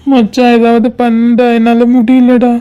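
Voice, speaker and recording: A woman's voice: a little high, flat delivery, measured pace, mellow, smooth, dull audio, natural voice. A woman voicing a heartbroken young man in a cartoon, talking in a despairing, pleading way to his best friend. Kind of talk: cartoon voice acting.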